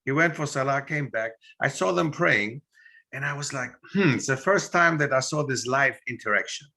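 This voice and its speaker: Bright-voiced man telling stories animatedly. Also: medium pitch, normal speed. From Greece. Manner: animated storyteller acting out quoted dialogue. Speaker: guest historian and author. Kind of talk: interview storytelling.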